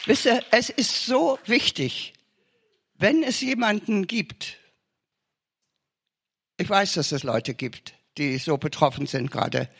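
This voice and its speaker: A man's voice: high voice, slow, vocal fry, long pauses, fairly bright tone, husky. A man preaching an urgent sermon testimony, pressing listeners with emphatic, repeated short commands.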